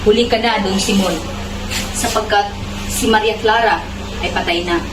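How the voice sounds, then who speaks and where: A woman playing an earnest, troubled young male student in a student drama, speaking in a measured, pleading way. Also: mid-range voice, fairly even intonation, noisy background, lightly acted. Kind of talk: amateur student stage drama. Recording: echoey room with music behind.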